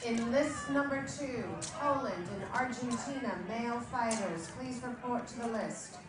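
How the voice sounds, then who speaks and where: Woman's voice over a PA loudspeaker. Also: fairly high pitch. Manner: measured, repeats each call. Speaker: event announcer. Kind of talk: formal announcements. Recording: echoey PA heard from far off with loud background noise.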